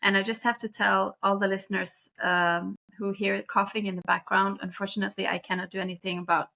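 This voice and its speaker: This podcast host is a woman from Norway with a Norwegian accent, chatting casually, warmly and with plenty of jokes. Her mid-range voice is creaky and sharp, barely moving in pitch.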